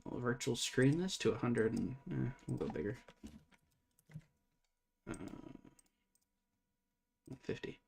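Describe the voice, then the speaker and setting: A man's voice: mid-range voice, expressive, slow pace, gravelly, pauses often, a little mellow, husky. A man streaming live while programming, thinking aloud in a casual, muttering way and swearing now and then.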